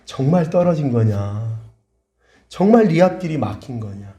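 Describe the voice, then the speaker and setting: A man voicing the Lord in a sermon, asking slow, pointed questions. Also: medium pitch, expressive, warm tone, natural voice. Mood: probing. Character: stern questioning Lord, calm and probing. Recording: echoey church hall.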